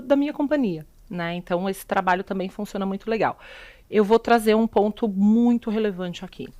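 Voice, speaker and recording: A middle-aged woman with a Brazilian Portuguese accent talks at medium pitch. As a sustainability executive guesting on a videocast interview, she explains where she stands, posing rhetorical questions throughout.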